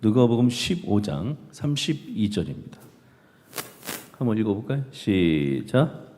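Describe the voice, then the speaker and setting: A man's voice: lowish voice, sing-song, a little slow, warm tone, a little hiss or hum. A male pastor preaching a sermon in a church, emphatic and full of rhetorical questions to the congregation. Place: church sanctuary. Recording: long reverb of a church hall.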